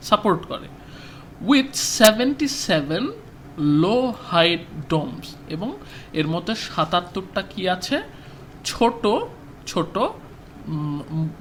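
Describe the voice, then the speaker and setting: A man with a Bangladeshi accent teaching an English lesson. He reads English lines slowly and then explains them, asking rhetorical questions. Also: high-pitched, fairly bright tone, slight background noise. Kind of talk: classroom lesson explaining a textbook.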